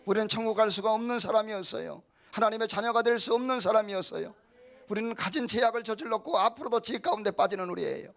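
A man's voice: high-pitched, fast, creaky, fairly bright tone. A middle-aged male pastor preaching a sermon in a folksy way, acting out little quotes and calling out hallelujah.

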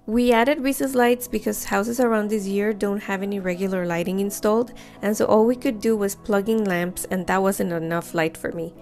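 A woman in her forties narrates her home renovation vlog in a chatty, encouraging voice-over, recorded on a lapel mic in her living room. Her voice is mid-range and darkish, at a moderate pace with hardly any pauses, and soft music plays in the background.

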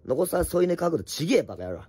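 A middle-aged man with a slightly hoarse voice rattles through viewer comments on a late-night home livestream. His speech is quick and lively and swings widely in pitch, with blunt, teasing replies and muttered asides. The sound is close and dry, with no room around it. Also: dry recording. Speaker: streamer reading and answering viewer comments. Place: at home, wrapped in an electric blanket.

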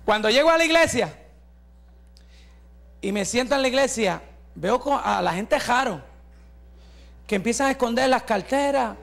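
Pastor in his forties: very high, bright, gravelly voice; fervent preaching with shouts and jokes. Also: expressive, normal speed, long pauses, slight background noise. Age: 40s. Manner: fervent preaching, rising to shouts, with joking asides. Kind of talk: testimony sermon.

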